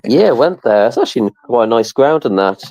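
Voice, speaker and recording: An English man co-hosting a football fan show, giving a relaxed match report with fillers. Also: medium pitch, fairly quick, dry recording, rough recording. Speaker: co-host. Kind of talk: casual livestream chat.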